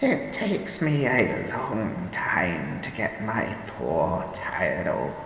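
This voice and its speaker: A man voicing an ancient, frail, weary old woman in an audiobook, speaking in a slow, quavering, soothing way. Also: deep voice, sing-song, a bit bright, full character voice. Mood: rueful. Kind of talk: audiobook character reading. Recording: roomy echo, long reverb, faint hiss.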